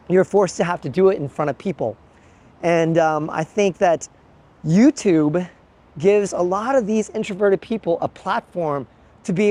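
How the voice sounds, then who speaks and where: A travel vlogger from the American Midwest speaks reflectively to his handheld pocket gimbal camera outdoors, musing thoughtfully with frequent pauses and restarts. His voice is high and mellow.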